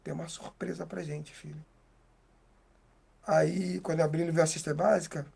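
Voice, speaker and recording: A man with a Brazilian Portuguese accent giving a heartfelt, halting faith testimony as an interview guest. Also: fairly high pitch, little pitch movement, gravelly, darkish tone, husky.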